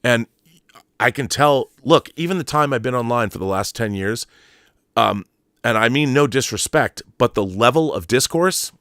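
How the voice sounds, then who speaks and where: Reading viewer comments on his livestream, an American man speaks at medium pitch with lively intonation, normal speed, and a fairly bright tone. He's casual and opinionated, rambling emphatically and repeating himself for stress. The sound is dry and clean, studio grade.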